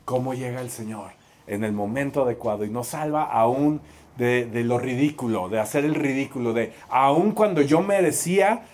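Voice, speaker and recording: In a mid-range voice at a normal pace, a Mexican-accented man preaches by way of an animated, self-deprecating story. He imitates the voices of the people in it as he goes.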